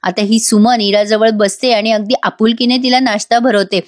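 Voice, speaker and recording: A woman's voice: on the high side, fairly even intonation, normal speed. A woman narrating a casual episode recap, chatting directly with her viewers. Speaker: serial review narrator.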